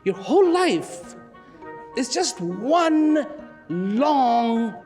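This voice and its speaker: A man delivers a motivational narration in a high, swooping voice that rises and falls widely. He speaks slowly and weightily, leaning on rhetorical questions and letting some words sink almost to a whisper, with soft music in the background. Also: sing-song. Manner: slow, emphatic, rhetorical questions, drops to near whispers.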